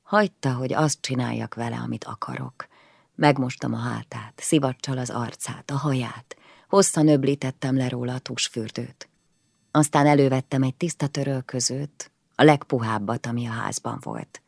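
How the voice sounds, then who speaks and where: A woman's voice: extremely low pitch, creaky, a little mellow, no room sound, clean studio sound. A woman reading a first-person novel aloud in an intimate way, often dropping to a whisper. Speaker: audiobook reader.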